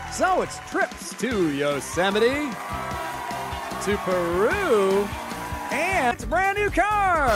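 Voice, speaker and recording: Booming, swooping American male prize announcer. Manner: booming, hyped prize announcer delivery, punching key words. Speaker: game show announcer. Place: TV game show studio. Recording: music bed under the voice. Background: music.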